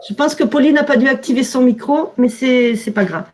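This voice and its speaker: Webinar host, woman, southern French accent, high voice, measured delivery with fillers. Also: a little mellow. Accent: southern French, Midi-Pyrénées. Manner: measured, with frequent "alors" and "euh". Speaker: webinar moderator, communications officer. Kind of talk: webinar introduction.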